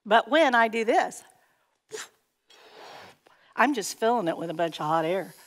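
A woman's voice: mid-range voice, lively intonation, measured pace. A woman gives an earnest, emphatic teaching talk to an audience at a conference workshop, with playful asides. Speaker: workshop speaker. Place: large hall before an audience. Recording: long hall reverb.

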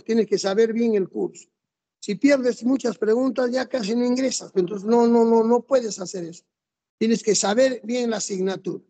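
A teacher with a mellow, mid-range voice leads a classroom lesson. He works through the rules methodically, one step at a time, and quizzes the students on the answers.

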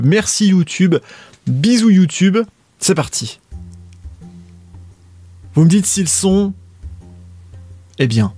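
A man hosts a live stream in an easygoing, rambling way, talking straight to his viewers. His voice sits a little high for a man. Faint music plays quietly behind him. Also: husky, no room sound. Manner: laid-back, rambling, chatting with viewers. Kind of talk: casual live-stream chat.

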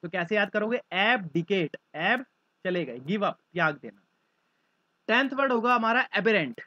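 A man's voice: high-pitched, moderate pace, no room sound, dull audio. A male teacher explaining vocabulary through mnemonics, acting out little scenes as he goes. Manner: lively, acts out little scenes.

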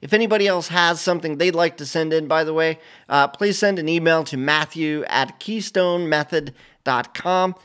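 A middle-aged man hosting a casual flight simulator video, talking over a screen share in a relaxed, rambling way full of fillers and restarts. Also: fairly high pitch, normal speed, smooth. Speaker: flight sim channel host. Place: home studio, indoors.

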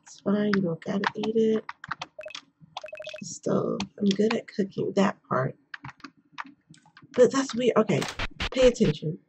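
A woman's voice: medium pitch, animated, measured pace, long pauses. Young woman whispering casual game commentary, kinda noisy recording w/ keyboard clicks. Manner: whispering quietly, keeping voice hushed. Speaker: gaming video host. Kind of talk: whispered let's play commentary, casual chat. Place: indoors at home.

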